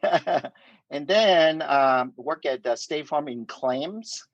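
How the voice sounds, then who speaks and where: In a relaxed interview, a guest tells his life story in halting speech, stumbling through fillers and restarts. He is a middle-aged man from Vietnam whose native language is Cantonese, and his voice runs a little high. The sound is lo-fi, without room sound.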